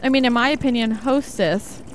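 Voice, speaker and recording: A woman's voice: fairly high pitch, a little fast, a little hiss or hum. A woman co-hosting a radio talk show, airing strong opinions in casual chat. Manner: opinionated, laughs easily.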